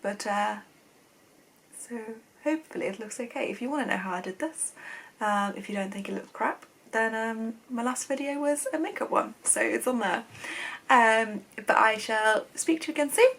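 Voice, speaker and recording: Young woman, sewing vlogger, chatty and gushing, fairly high voice. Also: moderate pace, fairly bright tone, a little hiss or hum, rough recording. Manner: chatty and gushing, many ums and likes. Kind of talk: casual chat.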